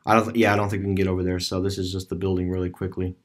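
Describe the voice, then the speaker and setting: Guy talking over a screen recording, lowish voice, lots of ums and restarts. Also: flat delivery, rapid-fire. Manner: rambling, many fillers and restarts. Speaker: video creator touring a closed store on street view. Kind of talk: casual screen-recorded commentary.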